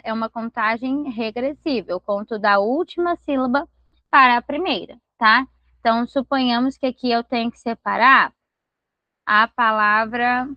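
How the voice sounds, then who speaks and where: Teacher, woman, fairly high voice, patient step-by-step explainer, dry close mic, slightly dull audio. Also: dry recording. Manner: patient, explains step by step and checks understanding often. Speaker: Portuguese language teacher. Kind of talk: online grammar lesson.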